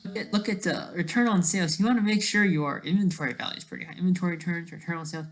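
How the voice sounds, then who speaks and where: A solo online commentator with a medium-pitched voice thinks aloud over study notes. The commentary is casual and digressive, with frequent halts and an informal, self-deprecating manner.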